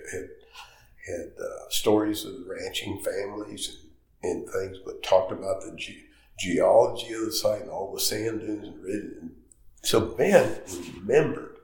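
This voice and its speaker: Older man with a deep gravelly voice. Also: echoey room, rough recording. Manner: rambling anecdotes with quoted dialogue. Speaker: golf course architect guest. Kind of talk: relaxed storytelling interview.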